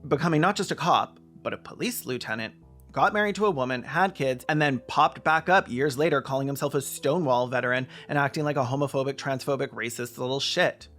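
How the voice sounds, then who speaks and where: A video essayist and podcast host narrates a scripted video essay, dropping in casual asides and sounding emphatic and opinionated. His voice is medium in pitch with a fairly bright tone, his delivery brisk, and faint music plays in the background.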